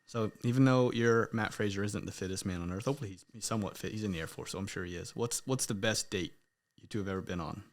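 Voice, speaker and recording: Fast-talking joking young man host. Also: lowish voice. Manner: laughs often, loose and joking, swears casually. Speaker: podcast host. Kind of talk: casual chat.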